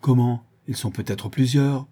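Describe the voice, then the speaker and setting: A man's voice: medium pitch, a little slow, dark tone, husky. A man voicing a blunt, uneasy henchman in an audiobook.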